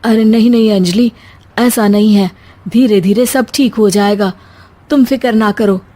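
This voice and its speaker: A woman voicing a gentle, simple young village husband, mild in manner, in a moral story. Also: medium pitch, normal speed, close to an everyday voice. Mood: soothing.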